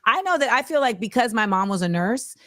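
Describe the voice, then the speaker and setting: A woman's voice: on the high side, big pitch swings, fairly quick, a bit bright, no room sound. A woman hosting a podcast in a small studio, speaking into a studio mic. She chats casually with her guest and jokes with him. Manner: playful and joking. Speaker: podcast host. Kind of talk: casual interview. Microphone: studio mic on a boom arm.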